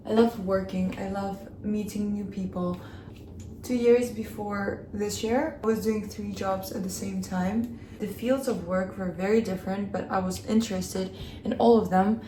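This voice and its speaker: Mellow-voiced woman chatting in an echoey room. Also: medium pitch, fairly even intonation, a little slow, a little hiss or hum. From Kazakhstan. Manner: chatty and open, talking while she works. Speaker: beauty vlogger. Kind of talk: casual chat during a hair tutorial. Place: home room, in Hong Kong. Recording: echoey room with faint ambience.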